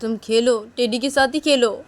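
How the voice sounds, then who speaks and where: Woman voicing a young mother, irritated, sulky, raised scolding voice, high. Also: fairly even intonation, normal speed, natural voice.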